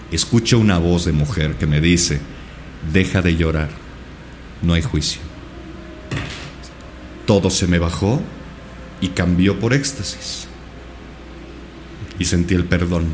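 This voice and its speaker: Low-voiced man telling an intense story. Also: a little mellow, a little hiss or hum. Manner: intense, earnest retelling with many repetitions. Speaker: guest. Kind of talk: personal storytelling in a podcast interview.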